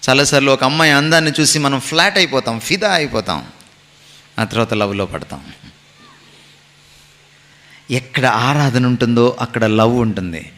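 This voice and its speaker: A man's voice: medium pitch, animated, normal speed, long pauses, pushed and bright, in a large hall. A man preaching a sermon as a pastor, emphatic and rhythmic, slipping into English phrases now and then.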